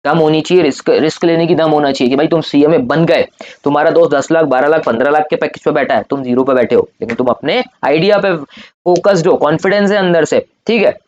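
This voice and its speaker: A young man teaching an exam coaching lecture, drilling points by loud repetition in a coaxing, informal way, his throat strained from shouting. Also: a little high, fast, dull audio. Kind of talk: Hindi-English coaching lecture.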